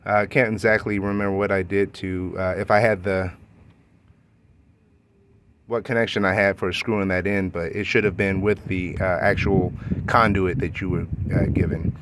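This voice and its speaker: Walking around his own backyard hot tub, the owner films a casual review on a handheld phone camera, rambling through its features with fillers and self-corrections. He has a deep, fairly bright voice with a level tone at normal speed, over slight background noise.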